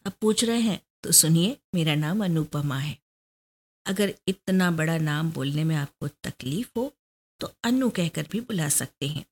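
A woman's voice: low-pitched, lively intonation. A woman voicing a proud, determined young woman detective who pleads her case earnestly. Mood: playful.

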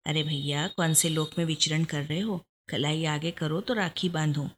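A woman voicing a playful young sister who teases her brother, in a higher, lilting voice. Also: steady tone, moderate pace. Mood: teasing, playful. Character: playful teasing young sister, chirpy girl.

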